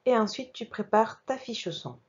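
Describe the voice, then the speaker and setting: A woman teacher giving a slow, careful reading lesson to young children, spelling out each sound while working on screen. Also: fairly high pitch, animated, a little mellow, slightly rough, lo-fi sound. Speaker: primary school teacher.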